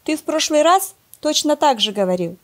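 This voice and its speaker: A woman voicing a stubborn, teasing older brother in a children's story, in a raised, louder voice. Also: sits high, expressive, moderate pace, pitched above the performer's own voice. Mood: taunting.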